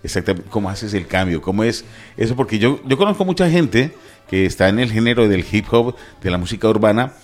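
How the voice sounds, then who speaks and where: A man hosting a radio interview, warmly announcing and welcoming a guest, then asking questions in an upbeat, conversational way. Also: lowish voice, animated, fairly quick. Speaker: radio host.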